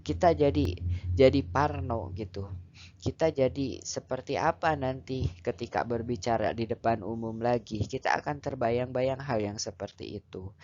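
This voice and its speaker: A man giving a calm, conversational lesson on public speaking, explaining step by step with casual fillers. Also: mid-range voice. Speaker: teacher. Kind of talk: educational lecture on public speaking. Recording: dull lo-fi recording.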